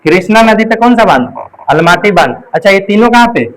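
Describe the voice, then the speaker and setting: A man's voice: high voice, expressive, a little fast, fairly bright tone, poor audio. A male teacher running an exam coaching class, drilling facts through call-and-response and memory tricks.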